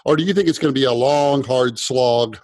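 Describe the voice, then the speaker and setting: A man's voice: medium pitch, fairly quick, darkish tone, dry recording. A man hosting an interview podcast, asking long, curious questions and thinking aloud as he goes. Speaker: podcast host.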